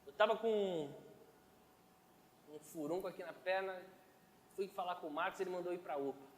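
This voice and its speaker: High-voiced man preaching in echoey hall. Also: normal speed. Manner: conversational, asks the congregation "né?". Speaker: pastor. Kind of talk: sermon. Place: church. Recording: echoey church hall, long reverb.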